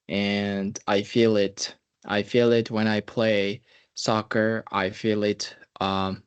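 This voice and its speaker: Low-voiced, slow-talking young man. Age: 20s. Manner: earnest, reflective, gives brotherly advice. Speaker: podcast host. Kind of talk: casual podcast chat.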